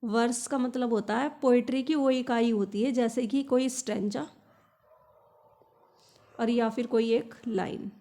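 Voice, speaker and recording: Slow-paced Indian woman teacher. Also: fairly high pitch, steady tone, warm tone. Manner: reads English lines slowly, explains quickly in Hindi. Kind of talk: exam-prep lesson.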